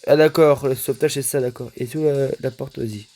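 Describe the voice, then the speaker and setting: A young man giving casual, excitable commentary on his own gameplay, often stammering and repeating himself as he talks to his viewers. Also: medium pitch, a little fast, soft background music, poor audio. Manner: excitable, stammering, addresses viewers as "les gars". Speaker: gaming video creator.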